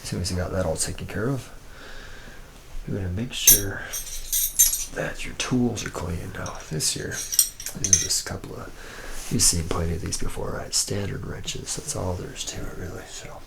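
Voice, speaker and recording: Playing a jaded factory worker fond of drink for an ASMR roleplay, a man rambles with a sly, laid-back air in a hesitant, sardonic drawl that frequently slips toward a whisper. His gravelly, low voice holds a steady tone at normal speed. The recording is very noisy.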